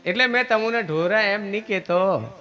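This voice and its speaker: Over music, a high-pitched man at a moderate pace preaches a village sermon with devotional singing, teaching and putting questions to his listeners. The recording is lo-fi.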